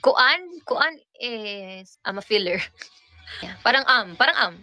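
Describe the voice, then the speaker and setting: A woman's voice: fairly high pitch, big pitch swings, slow pace, pushed and bright. A young woman in her twenties with a Cebuano accent, chatting casually and teaching everyday phrases in a playful, giggly way. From Visayas, Philippines. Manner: playful, giggly, switches languages freely. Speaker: pop group member.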